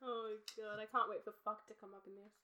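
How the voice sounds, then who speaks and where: She is a woman, co-hosting a laid-back podcast. Her talk is casual, teasing and quick to giggle, pitched in an ordinary middle range. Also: little pitch movement, sharp tone, muffled recording. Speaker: podcast co-host. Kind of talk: casual chat.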